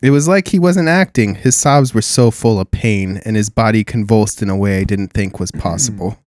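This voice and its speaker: A man hosting a comedy podcast, reading a spooky story aloud in a mock-dramatic, theatrical deadpan. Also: fairly low pitch, moderate pace, no room sound, studio quality. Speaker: podcast host.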